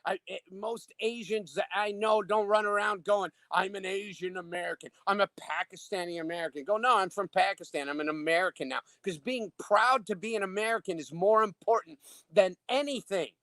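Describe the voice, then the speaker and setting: A man's voice: high-pitched, fairly quick, a bit bright, no room sound. A man who hosts his own show, talking in an emphatic, indignant way in a heated political discussion. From Illinois. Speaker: show host.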